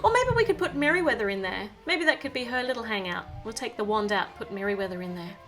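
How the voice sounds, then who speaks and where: Talking fast with lively intonation, this woman addresses kids directly as she narrates a toy build, gushing and playful throughout. Her pitch is fairly high, and music plays behind her.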